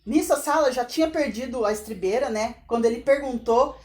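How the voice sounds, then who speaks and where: A middle-aged woman hosts a podcast and tells a story casually, with laughing asides and sudden jumps in pitch. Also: fairly quick, a little mellow. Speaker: podcast host.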